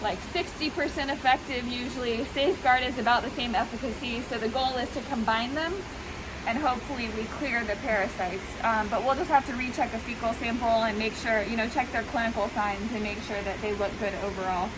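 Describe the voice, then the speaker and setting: A woman explaining animal treatment casually and informally, her voice slightly muffled by a face mask. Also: on the high side. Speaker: veterinary professional treating goats. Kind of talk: casual explanatory talk to camera. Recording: noisy, steady rushing background hiss.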